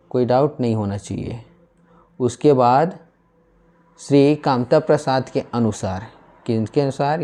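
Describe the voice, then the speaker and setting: A man's voice: mid-range voice, mellow. A man teaching a Hindi grammar lesson, who asks his students questions and then answers them himself, often repeating key words. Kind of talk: classroom lecture.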